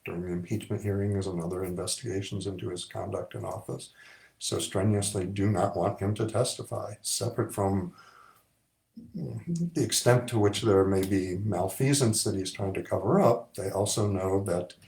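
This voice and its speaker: A middle-aged male psychiatrist giving an explanatory lecture to camera, measured and thoughtful, with frequent ums. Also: deep voice, vocal fry, a little mellow.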